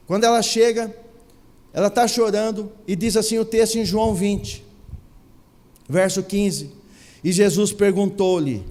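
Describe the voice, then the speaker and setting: A man's voice: sits high, darkish tone. A man preaching a sermon with a Brazilian Portuguese accent, emphatic, asking rhetorical questions and repeating phrases for effect. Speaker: pastor. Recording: long hall reverb.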